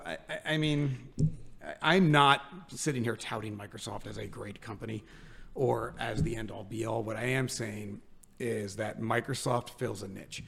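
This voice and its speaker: A gravelly American man chats casually as a podcast co-host. He rambles, mocks himself, and laughs easily. His voice sits at a middling pitch with a rough edge of fry. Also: fairly bright tone. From United States. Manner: rambling, self-mocking, quick to laugh. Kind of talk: casual chat.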